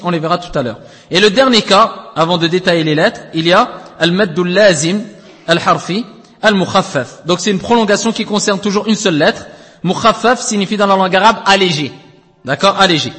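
A man's voice: high voice, a bit bright, long reverb tail. A man teaching Quranic recitation rules in a classroom lesson, explaining step by step, checking understanding with frequent tag questions, and chanting letters at length.

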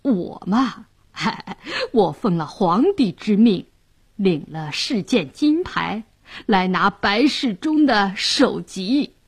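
A woman's voice: medium pitch, expressive, takes it slowly, slightly rough, full character voice. A woman putting on a leering drunk official. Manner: leering, boastful, slurring. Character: lecherous drunken male official, middle-aged.

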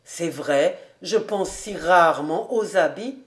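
Woman reader as shy bachelor: lowered, soft, slow and hesitant. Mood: mild. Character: bashful middle-aged bachelor man. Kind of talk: audiobook character reading.

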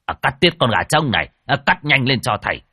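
A man voicing a gruff, bossy old village shaman who barks orders in a blustery way. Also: mid-range voice, very animated, fast, sharp tone, dry recording, studio quality, voice pushed up, exaggerated voice.

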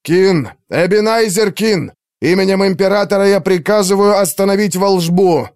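A man voicing a harried male commander shouting orders over a storm. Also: sits high, moderate pace, dry recording, pitched above the performer's own voice, lightly acted. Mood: urgent.

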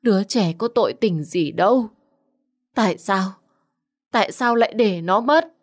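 A woman's voice: fairly low pitch, a little slow, a little mellow. A woman voicing a distraught older mother who wails and demands answers. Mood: wailing. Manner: wailing, distraught. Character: older mother, grief-stricken and accusing.

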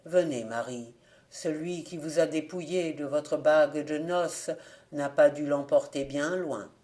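A woman voicing an older village priest who speaks gravely and gently, lower than her own voice. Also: a little slow. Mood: sorrowful.

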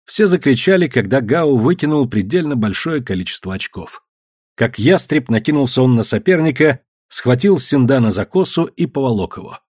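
A man reads an audiobook with a dramatic, expressive delivery. His voice is husky and his pitch moves a lot. The recording is dry and close, with no room sound. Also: normal speed, dry recording. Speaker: narrator. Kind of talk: audiobook narration.

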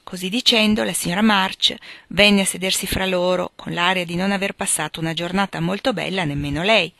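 A woman reading a classic novel aloud in a calm, even storytelling manner. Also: lowish voice, creaky, no room sound. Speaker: reader. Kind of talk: audiobook narration.

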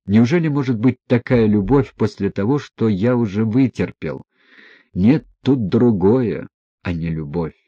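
A man voicing a gentle, troubled young prince, speaking quietly and earnestly in a low, husky, mellow voice. The recording is close and dry, with a slightly dull tone. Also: animated, a little slow, dry recording. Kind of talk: audiobook reading.

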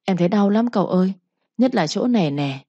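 A woman's voice: mid-range voice, animated, brisk, warm tone, slightly rough, no room sound. A woman voicing a sly young female servant who whimpers and pleads while faking pain. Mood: whimpering. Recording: slightly muffled recording.

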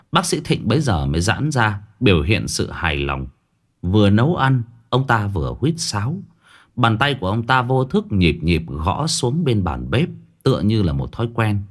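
Brief: male narrator for a horror audiobook, deeper voice, lively dramatic delivery. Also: normal speed. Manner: expressive, animated storytelling. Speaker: storyteller.

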